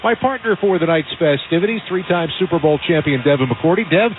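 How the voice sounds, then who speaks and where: A man's voice: fairly high pitch, animated, brisk, over music. A man hosting a radio sports broadcast as play-by-play announcer, polished and upbeat. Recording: phone-like band-limited radio audio.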